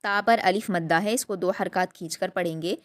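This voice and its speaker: A woman teaching a Quran recitation class, patiently explaining rules and drawing out syllables slowly for her students to copy. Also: fairly low pitch. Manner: patient, repeats syllables slowly and drawn out for practice; asks rhetorical check questions. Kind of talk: online tajweed lesson.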